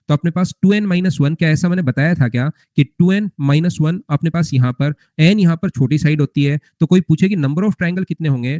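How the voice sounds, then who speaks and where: A man's voice: a little high, dark tone, no echo. A young man teaching a math class live, repeating points and quizzing his students with rhetorical questions. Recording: muffled lo-fi recording.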